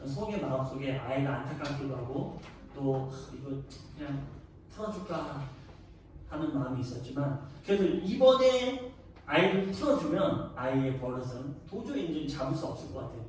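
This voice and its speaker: Preacher in an echoey hall. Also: male voice, medium pitch, lively intonation, fairly quick, a little mellow. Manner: earnest storytelling preacher, rising to emphatic peaks. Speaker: pastor. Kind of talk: sermon. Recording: echoey church hall, distant mic, faint noise.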